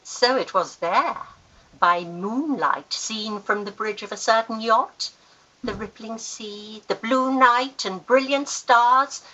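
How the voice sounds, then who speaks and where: Heavily acted and slow, a woman's fairly high, pushed, bright voice plays a grand, fond, teasing older aunt and rich guardian in a Victorian-era radio drama. The character is worldly and wry, and the recording is lo-fi.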